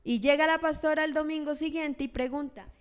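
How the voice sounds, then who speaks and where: A woman pastor delivers a sermon with a high voice. Her preaching is animated and expressive. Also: a little fast. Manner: animated, acts out churchgoers' lines in quoted voices.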